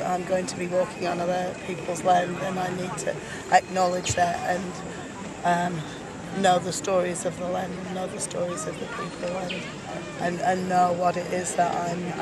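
Middle-aged english woman chatting at an outdoor festival, rambly and thoughtful, crowd loud behind her. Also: fairly low pitch, very noisy. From England. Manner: thoughtful, loose and rambling with many fillers. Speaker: festival goer. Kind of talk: casual interview answers. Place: outdoor festival grounds near tents, sunny.

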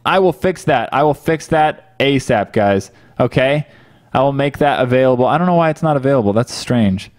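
Hosting a livestream from his home office indoors, this man chats casually with viewers at a normal speed. His pitch is medium and his delivery expressive, picked up by a close desk mic mounted on a boom arm.

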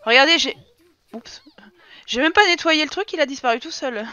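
Streamer, young French woman, chatty and teasing, bright, slightly high voice, faint background noise. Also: normal speed. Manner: chatty, teasing, talks to chat and game characters. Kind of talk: casual live-stream chat.

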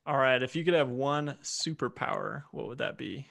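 Male podcast host, gravelly, laid-back and encouraging, dry close-mic sound. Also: mid-range voice, moderate pace, fairly bright tone, dry recording. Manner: easygoing, affirming, reads out questions. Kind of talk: casual podcast interview.

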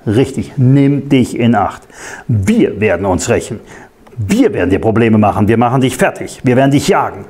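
A man's voice: medium pitch, expressive, normal speed, darkish tone, pitched below the performer's own voice, lightly acted. A man preacher voicing the enemy as a tempter, taunting and threatening the listener. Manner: taunting, mocking warnings. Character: whispering enemy tempter, male, scornful and threatening.

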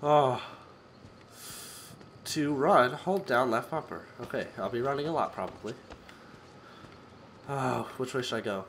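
Speaking unhurriedly and pausing often, a young male host comments on a horror game in a mid-range, fairly bright voice that sounds stuffy and sick over a headset mic. He's nervous and jittery, prone to yelps and laughs. Game music plays behind him, along with a little hiss or hum.

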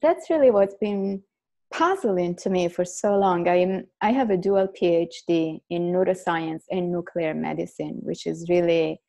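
This Italian woman in her forties, a guest neuroscientist, joins a video call from her living room using earbuds. Her lowish voice moves a little slowly with some vocal fry, and her Italian-accented delivery is earnest, backed by lively hand gestures.

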